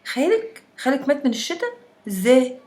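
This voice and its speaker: A woman's voice: very fast, natural voice. A woman voicing a curious, teasing young woman who keeps asking her friend questions. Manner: eager questioning, raised pitch.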